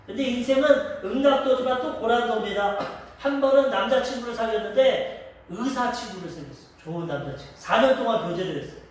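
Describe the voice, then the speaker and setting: Male pastor, storytelling sermon, high-pitched, heard from a distance with heavy church echo. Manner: storytelling, acting out quoted dialogue. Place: church sanctuary. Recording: echoey church hall from a distance.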